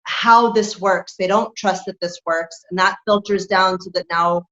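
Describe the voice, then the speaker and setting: A woman's voice: lowish voice, a little slow. Candid woman, dull lo-fi sound. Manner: candid, animated, laughs through her points. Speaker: lactation consultant, guest. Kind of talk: conversational interview.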